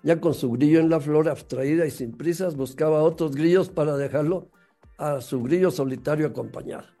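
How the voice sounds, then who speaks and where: A man's voice: on the high side, moderate pace, mellow, soft background music. A man giving a motivational talk on raising children, emphatic and full of rhetorical questions.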